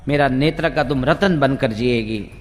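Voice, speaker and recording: A man's voice: medium pitch, normal speed, in a large hall, close to an everyday voice. A man doing a flowery sentimental poet. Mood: romantic. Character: overly romantic poet husband, middle-aged man.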